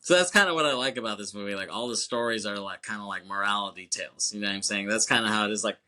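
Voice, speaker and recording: A man's voice: on the low side, rapid-fire, sharp tone. A young man co-hosting a podcast, retelling a film loosely with profanity, laughter and lots of "like" and "you know". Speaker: podcast co-host. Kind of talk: casual chat recapping a film.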